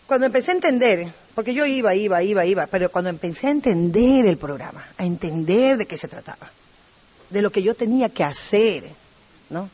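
A woman's voice: medium pitch, animated, a little fast, darkish tone, husky. A woman from Ecuador with an Ecuadorian accent, giving a talkative, rambling personal testimony at a recovery group meeting. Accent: Ecuadorian Spanish. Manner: talkative and rambling, with many asides.

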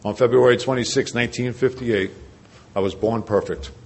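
New man at a podium sharing his recovery story, repeating phrases and questioning the room, average pitch. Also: steady tone, normal speed, darkish tone, breathy edge. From New Jersey. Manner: earnest storytelling with rhetorical questions and repetition. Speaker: recovery speaker. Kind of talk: personal recovery story told to a meeting.

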